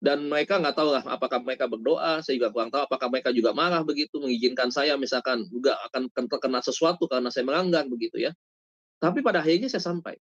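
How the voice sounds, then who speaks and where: Pria pendeta bercerita, suara kusam kering. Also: male voice, mid-range voice, quick pace, no room sound. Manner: addresses listeners as "saudara", animated retelling with quoted dialogue. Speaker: pastor. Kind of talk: storytelling sermon. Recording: dull lo-fi dry sound.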